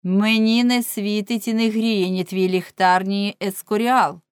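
A woman reading aloud, voicing a proud, angry nobleman count who shouts commands and brushes people off, in a storybook reading. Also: medium pitch, steady tone, unhurried, clean tone, dry recording, studio quality, voice pushed up, lightly acted. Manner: loud, commanding, dismissive.

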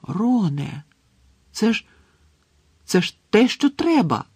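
A man voicing a clever, bossy schoolgirl in an audiobook, speaking eagerly and insistently with a gravelly, husky voice. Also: on the high side, moderate pace, darkish tone, no echo, clean studio sound, close to an everyday voice. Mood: excited. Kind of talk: audiobook character reading.

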